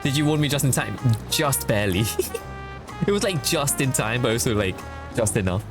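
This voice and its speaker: Excitable chatty man streaming a game. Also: mid-range voice, normal speed, over music. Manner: chatty, filler-heavy, excitable. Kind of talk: casual gaming commentary.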